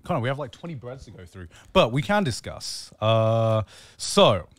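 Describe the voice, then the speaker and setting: Laughing young man, lively pitch. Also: normal speed, dry recording, clean studio sound. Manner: laughing, teasing, keeps asking for butter. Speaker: podcast co-host. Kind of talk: casual stream banter.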